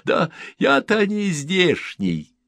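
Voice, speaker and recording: A man voicing a small, gentle male alien messenger who speaks in a soft whisper, from an audiobook. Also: sits high, huge pitch swings, very slow, creaky, no echo, voice pushed up, heavily acted. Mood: whispered, kindly.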